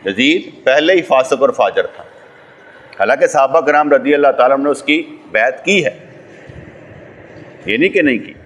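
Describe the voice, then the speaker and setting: Animated and pausing often, a medium-pitched male religious scholar from Pakistan gives a sermon lecture at normal speed in a Pakistani Urdu accent. Rhetorical questions punctuate his preaching as it climbs to emphatic high points.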